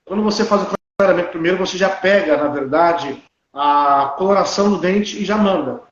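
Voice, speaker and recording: A man's voice: high-pitched, a little fast, reverberant, muffled recording. A man in his thirties from Brazil, a dentist speaking bluntly and animatedly in casual conversation. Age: 30s.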